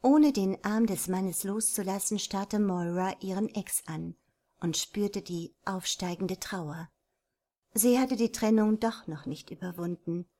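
Woman, audiobook narrator, measured, mid-pitched voice, steady storytelling.

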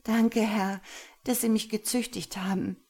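A woman's voice: medium pitch, steady tone, measured pace, a little mellow, voice pushed up. A woman reading an audiobook, voicing a frightened young woman who pleads and stammers. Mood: submissive.

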